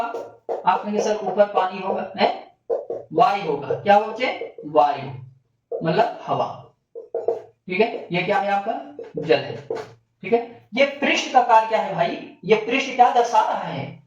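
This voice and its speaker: A male physics teacher giving a classroom lecture. He asks the class questions and answers them himself in a lower voice. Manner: addresses students as bhaiya and bachche. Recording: distant, echoey, dull classroom recording.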